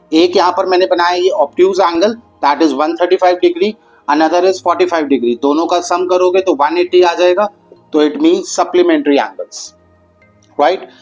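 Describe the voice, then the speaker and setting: A man teaching geometry to students, mixing Hindi with English terms. He addresses the students kindly and slowly stretches out the key words. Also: a little high, poor audio. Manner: patient, addresses students as "beta". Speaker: math teacher.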